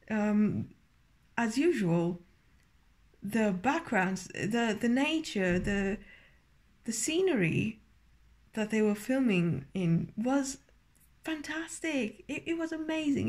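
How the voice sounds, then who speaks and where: Female vlog reviewer, slightly high voice, tipsy, loose rambling delivery, hesitant phrasing. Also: expressive, slow pace, pauses often, darkish tone. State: tipsy from drinking. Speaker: video reviewer. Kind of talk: casual, rambling episode review.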